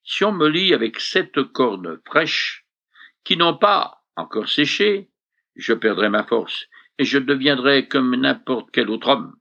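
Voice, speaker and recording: A proud, boastful strongman voiced by a reader speaks slowly and deliberately, his voice gravelly with a bright, forward edge. The recording sounds somewhat dull and lo-fi. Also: mid-range voice, lively intonation, full character voice. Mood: declaring.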